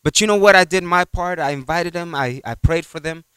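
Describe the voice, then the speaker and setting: A man's voice: a little high, a little fast, bright, forceful tone, clear, resonant tone, no room sound. A man preaching a conversational sermon in a church, rambling through retold exchanges and peppering his talk with "you know.".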